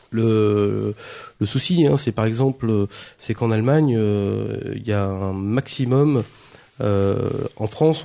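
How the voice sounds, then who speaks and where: A man's voice: mid-range voice, creaky, warm tone. A man presenting a radio press review, hesitant, with many fillers and restarts. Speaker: news columnist.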